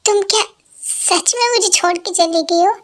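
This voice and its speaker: A woman's voice: very high-pitched, normal speed. A woman dubbing a grieving young husband in a fan drama, pleading and tearful. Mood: pleading grief. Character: grieving young husband, man in his twenties. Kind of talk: Hindi fan dub.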